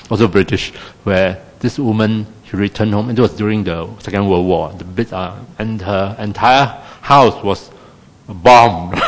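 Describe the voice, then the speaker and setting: A man teaching loving-kindness meditation in a casual, gentle way, with many pauses and fillers and a self-deprecating humor. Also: fairly low pitch. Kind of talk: casual dharma talk. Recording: long hall reverb.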